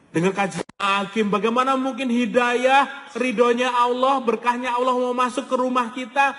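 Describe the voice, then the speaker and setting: A man gives a motivational sermon in a high, bright-pitched voice. He tells stories animatedly and acts out quoted lines. His voice carries a long reverb from a large hall. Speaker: motivational preacher. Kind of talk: motivational talk to an audience.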